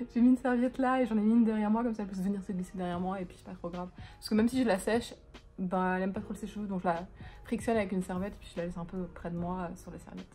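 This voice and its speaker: A woman's voice: fairly low pitch, warm tone. A woman doing a casual makeup tutorial at home, chatty, rambling and self-mocking, with casual swearing. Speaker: beauty vlogger. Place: living room at home, on a couch.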